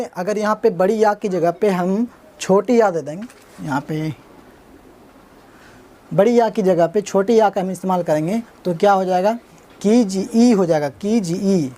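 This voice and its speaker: A man's voice: high-pitched, darkish tone. A man teaching how to write words, spelling them out letter by letter, repeating each word, and asking himself what it turns into. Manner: spells out letters one by one and asks himself "what does it become?"; patient, repetitive explaining. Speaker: Urdu writing teacher. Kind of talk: step-by-step writing lesson.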